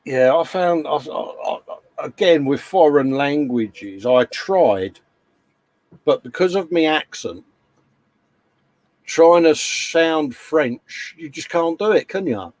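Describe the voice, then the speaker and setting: A man's voice: on the high side, expressive, takes it slowly, a little mellow, no room sound. A man with an English accent tinged with Scouse, hosting a model-building stream in casual, rambling chat and laughing often. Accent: English with a slight Scouse hint.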